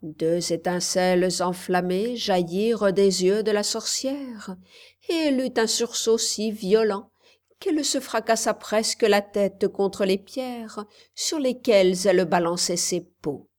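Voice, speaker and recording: Slow, measured woman storyteller. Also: mid-range voice, darkish tone. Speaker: audiobook reader. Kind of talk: scripted storybook narration.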